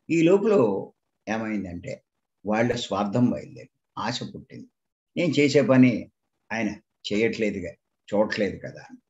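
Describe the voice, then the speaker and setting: A man of middle pitch delivers a spiritual discourse. He tells a story, voices the people in it and keeps turning to the listeners with questions. The recording is muffled and lo-fi. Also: mellow. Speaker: spiritual teacher. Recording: dull lo-fi recording.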